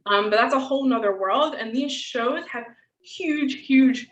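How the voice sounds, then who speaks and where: Her voice is high-pitched and a little slow as this guest lecturer talks through an online lecture and takes questions. Her style is loose and conversational, peppered with "um" and "right?" The video-call recording comes across distant, roomy, and dull.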